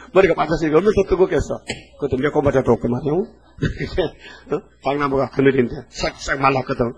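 An elderly male pastor in his eighties delivers a sermon with a voice sitting a little high for a man. He preaches in a lively, folksy manner, constantly pulling the listeners in with quick rhetorical questions. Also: muffled recording. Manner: animated, folksy preaching with frequent rhetorical "eh?" checks.

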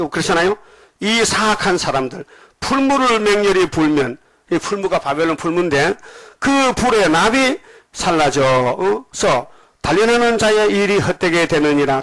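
An older man preaching a sermon as pastor, animated and often questioning the congregation directly. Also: fairly high pitch, no echo, rough recording.

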